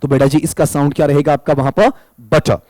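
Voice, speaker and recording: A man's voice: a little high, fairly even intonation, fast talker, warm tone, no echo, rough recording. A male exam-prep teacher, walking students through answers and breaking words into single sounds. He speaks close to the mic in a dry, dead room. His tone stays patient and explanatory. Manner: addresses students as "beta", spells sounds out one by one.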